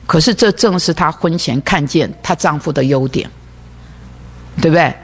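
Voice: medium pitch, normal speed, breathy edge. A preacher giving a sermon that explains a diagram, who often repeats words and keeps asking the listeners rhetorical questions.

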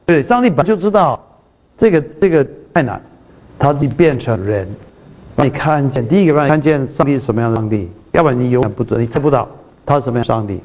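A preacher with a darkish, middle-pitched voice teaches from scripture in an animated way, talking fast. He repeats and restarts phrases, checks in with the audience often, and emphasizes key lines with a lifted voice when reading aloud. The recording is rough.

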